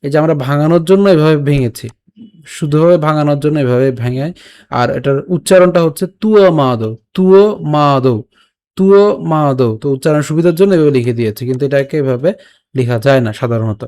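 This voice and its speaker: A man teaching scripture pronunciation in an online lesson, sounding out syllables slowly and often checking that his listeners follow. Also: fairly high pitch, a little mellow, clear, resonant tone. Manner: slow, syllable-by-syllable demonstration with repeated checks. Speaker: Sanskrit recitation teacher.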